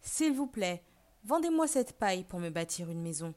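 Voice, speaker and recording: A woman's voice: fairly low pitch, big pitch swings, moderate pace, a little mellow. A woman voicing a small, polite male piglet in a storybook reading for learners, asking nicely and then refusing firmly. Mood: polite pleading.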